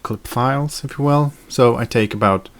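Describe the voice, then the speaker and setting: A man's voice: medium pitch, moderate pace. A young man chatting casually in a daily vlog, rambling with fillers and self-corrections. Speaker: video blogger.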